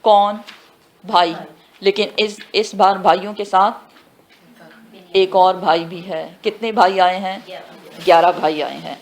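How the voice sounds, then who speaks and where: A woman's voice: medium pitch, fairly even intonation, pauses often. Woman teaching a religious class. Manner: asks and answers her own questions; mixes English phrases into her talk. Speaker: Quran teacher. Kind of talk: tafsir class lecture.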